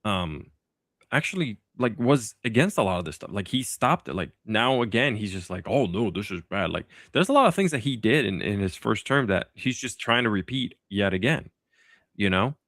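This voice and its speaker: A man's voice: medium pitch, big pitch swings, normal speed, a bit bright, no echo, studio quality. A man hosting a political talk podcast, speaking casually and sarcastically, with lots of fillers and restarts. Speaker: podcast host.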